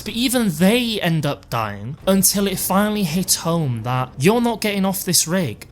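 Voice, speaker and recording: A man's voice: on the high side, a bit bright. Man narrating a game review.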